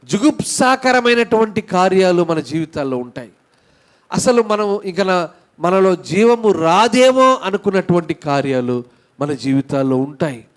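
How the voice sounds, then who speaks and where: A man's voice: high-pitched, expressive, moderate pace. A man with a Telugu accent preaching a church sermon as pastor, rising in emphasis and asking his congregation questions.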